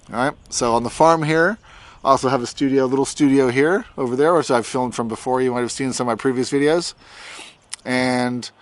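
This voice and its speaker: A man's voice: mid-range voice, no echo. A man of fifty from Australia giving a casual, conversational video update outdoors in his farm's front yard. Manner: informal, conversational. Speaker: tattoo artist vlogger. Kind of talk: casual update talk to camera.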